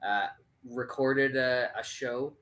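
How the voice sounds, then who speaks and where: A man in his late thirties co-hosting a casual podcast, relaxed and hesitant, with many fillers. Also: medium pitch, slow pace, rough recording. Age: 30s. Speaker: podcast co-host.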